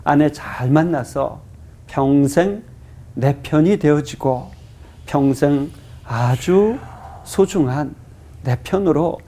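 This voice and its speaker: Mellow solemn pastor, a man praying. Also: fairly high pitch. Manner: measured, formal prayer cadence. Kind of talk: solemn closing prayer.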